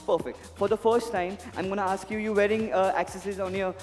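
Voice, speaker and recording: A male stage magician works an audience with courteous, showy patter. His voice sits high for a man. It rings through a large reverberant hall, with music underneath. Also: flat delivery, fast talker. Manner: showman, polite, addresses volunteers with repeated pleas. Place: indoor event hall, on stage. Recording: echoey hall PA, music behind.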